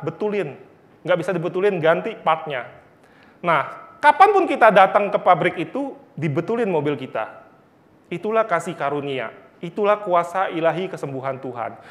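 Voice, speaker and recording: Male Bible teacher, high voice, earnest storytelling sermon. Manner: earnest, storytelling with repeated phrases.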